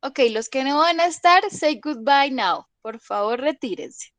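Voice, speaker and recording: Lively intonation marks this high-pitched, fairly bright female voice as she delivers an online English lesson at a measured pace. Her patient explanations are punctuated by frequent tag questions to confirm students understand. The sound is dry.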